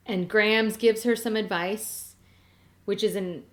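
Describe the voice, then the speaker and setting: A woman hosting a podcast, talking through episodes in a loose, chatty way. Her pitch sits mid-range, neither high nor low, and she keeps dropping in casual filler words as she goes. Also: steady tone, slow pace. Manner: chatty and conversational, full of 'like' and 'or whatever'. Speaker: podcast host. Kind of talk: casual chat recapping a teen drama.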